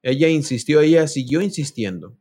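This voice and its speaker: Male preacher, slightly high voice, storytelling sermon that speaks right to the listeners. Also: lively intonation, normal speed, mellow, slightly rough. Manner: storytelling, addresses listeners directly; reads scripture aloud.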